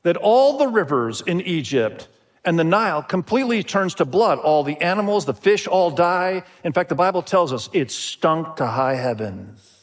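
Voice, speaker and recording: A man's voice: a little high, big pitch swings, moderate pace. A middle-aged pastor who grew up in Indonesia preaches a sermon with a slightly raised voice. He stays earnest and repeats his phrases, now and then calling out to the congregation.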